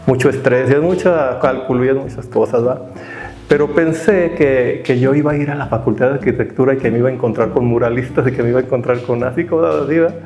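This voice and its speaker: A man's voice: medium pitch, mellow. A man in his fifties from Mexico, reflectively telling the story of his life as an artist and teacher. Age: 50s. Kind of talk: personal testimony interview. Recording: roomy, slightly dull sound with guitar music behind.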